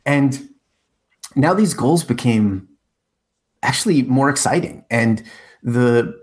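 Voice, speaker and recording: Speaking slowly in a mid-range voice, this American-raised man in his forties is a corporate communication coach interviewed casually in the Czech Republic. He's reflective, often restarting his sentences and leaning on fillers.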